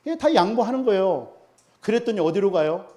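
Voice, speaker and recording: A man's voice: high voice, big pitch swings, a little fast, warm tone. A man preaching a sermon as pastor, emphatic and full of rhetorical questions to the congregation.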